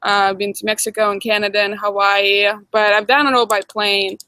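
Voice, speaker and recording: A young Russian woman with a Russian accent hosts a casual livestream Q&A, chatting as she responds to viewer comments. Her medium-pitched voice is sharp and clean, delivered flatly and fairly quickly.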